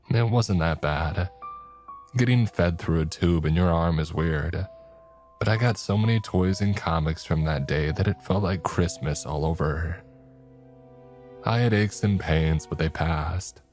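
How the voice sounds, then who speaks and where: A man telling a first-person horror story in a slow, hushed narrating voice. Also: low voice. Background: faint music.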